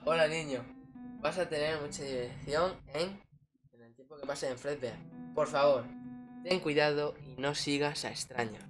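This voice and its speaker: A woman's voice: low-pitched, normal speed, music in the background. A woman chatting casually over a video game and reading its dialogue aloud.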